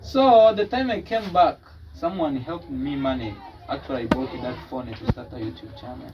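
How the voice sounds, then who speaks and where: A young Burundian man with a Burundian accent, telling his story in a casual interview, often pausing to search for words. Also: mid-range voice, recorded from a distance, dull audio, noisy background. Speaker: guest, travel vlogger.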